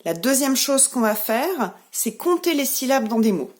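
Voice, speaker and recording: French woman, preschool teacher, remote lesson for small kids; fairly high voice with a lively, sing-song rise and fall. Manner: slow, clearly articulated, encouraging. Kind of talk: remote lesson for young children.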